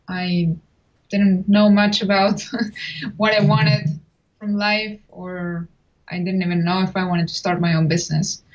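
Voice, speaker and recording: A woman's voice: mid-range voice, muffled recording. Chatty woman. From Chile. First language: Spanish. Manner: chatty, with frequent restarts and small laughs. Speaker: guest. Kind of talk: casual interview.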